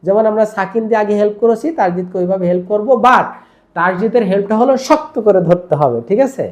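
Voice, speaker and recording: Slow sing-song Quran teacher, man. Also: high-pitched, darkish tone, lo-fi sound. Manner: slow sing-song drilling of rules with questions and answers. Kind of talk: teaching lesson with slow chanted recitations.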